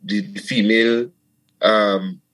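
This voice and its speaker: A Trinidadian steelpan player and producer, speaking with a Trinidadian accent, talks animatedly in a casual interview. He goes slowly in a lowish voice, restarting often and saying "you know" a lot, and the audio is poor.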